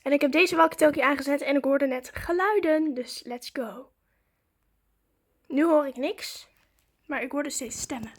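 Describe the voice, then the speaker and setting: Chatting casually with her viewers, a vlogger narrates what she's doing as she does it. Her voice is high-pitched, her speed normal, and she leaves long pauses.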